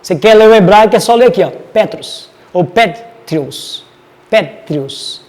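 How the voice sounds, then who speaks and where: A man's voice: high voice, expressive, a little fast, darkish tone, in a large hall. A man teaching a casual Bible study, chatty and digressive as he reads verses aloud.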